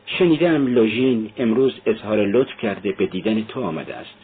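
A husky-voiced man reading a novel aloud, voicing a frightened, pleading elderly mother in a raised voice. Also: expressive. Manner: high, pleading and fearful. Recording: tinny phone-like sound.

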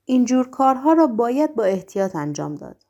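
A woman's voice: fairly high pitch, sing-song, dark tone, muffled recording. A woman voicing a fawning, effusive male henchman in a storybook reading.

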